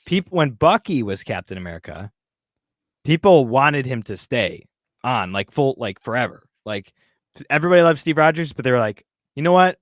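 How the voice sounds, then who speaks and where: A man hosting a podcast, talking with a sarcastic edge and plenty of laughs. His pitch swings in a lively way as he reads and mocks an article. The sound is dry and close. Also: normal speed, no echo. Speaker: podcast host. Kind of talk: casual chat, reading articles aloud.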